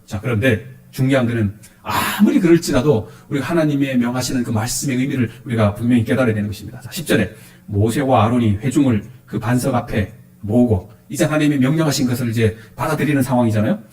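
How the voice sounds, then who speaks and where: A male pastor preaching a sermon, questioning his congregation in a lively, animated way. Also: mid-range voice, fast talker, echoey room.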